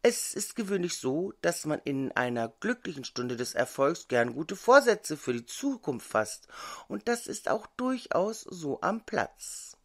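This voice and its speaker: An older woman reading a fairy tale aloud as a calm, gently expressive bedtime story. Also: deep voice, a little slow.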